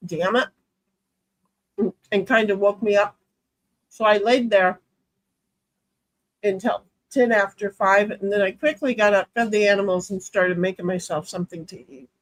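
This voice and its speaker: A woman streams an online card game with friends from a hot room at home, chatting and rambling in what she herself calls a high, pitchy voice. Her intonation stays fairly even and her pace moderate, with frequent pauses. The recording quality is low.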